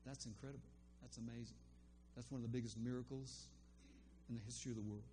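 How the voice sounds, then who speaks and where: Faint music plays behind an older man whose mid-range, warm voice moves fast with fairly even intonation. In a loose, casual testimony, he recounts a faith conversation, stumbling through ums and restarts.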